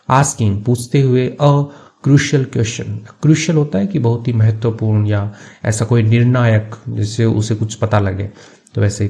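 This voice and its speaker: A man teaching through a story, reading phrases slowly and then explaining them quickly and casually in Hindi. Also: mid-range voice, warm tone. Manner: casual, with fillers like "theek hai". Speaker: English teacher.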